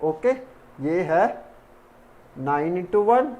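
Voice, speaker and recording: A man's voice: high voice, lively intonation, extremely slow, muffled recording. A man teaching a math lesson step by step, counting terms aloud as he works. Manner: talks while working, counts terms aloud. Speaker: math tutor.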